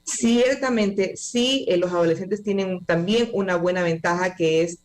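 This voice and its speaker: Guest: woman, academy manager, measured explainer with fillers. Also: fairly low pitch, steady tone, darkish tone. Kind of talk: explanatory interview answers.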